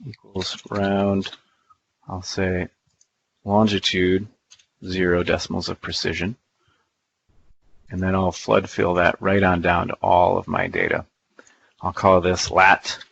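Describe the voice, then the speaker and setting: A man walks through a software demonstration in a playful, folksy way, thinking aloud as he goes. His voice sits a little low. The recording is dull and lo-fi, like conference audio. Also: gravelly, slight background noise. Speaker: presenter. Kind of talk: live software demo talk.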